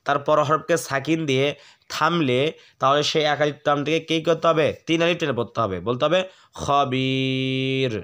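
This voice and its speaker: A man teaching Quran recitation, spelling out words letter by letter and then chanting them slowly and drawn out. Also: on the high side, a bit bright.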